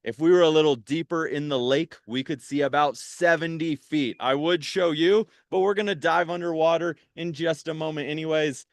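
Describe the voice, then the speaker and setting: An upbeat man presents a live outdoor field trip from a boat, chatting eagerly with his online audience. His voice sounds smooth and resonant. The sound is close and dry. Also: on the high side, fairly even intonation, normal speed, hardly any pauses, no echo. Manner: upbeat, enthusiastic, chatty with viewers. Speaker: park program host. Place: on a patrol boat on a lake, outdoors.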